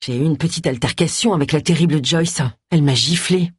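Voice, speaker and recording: A cheeky man trades dry, teasing barbs, as a woman reader voices him. Her voice stays low and husky, recorded close and dry. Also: brisk, no room sound.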